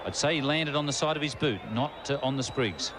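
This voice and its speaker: A man with a mid-pitched voice calls cricket live, ball by ball. The outdoor broadcast is very noisy, with a loud stadium crowd all around him. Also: a little fast. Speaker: cricket commentator.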